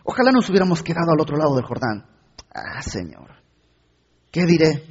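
Man voicing a desperate ancient leader, pleading and exclaiming, husky and fairly high, dull echoey hall. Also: big pitch swings, normal speed, heavily acted. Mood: anguished. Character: anguished ancient male leader lamenting to God.

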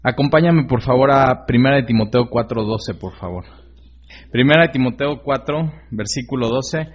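Earnest and chatty, this preacher keeps asking listeners direct questions, his sermon full of fillers and tag questions. He speaks at medium pitch and normal speed, captured in slightly dull lo-fi audio.

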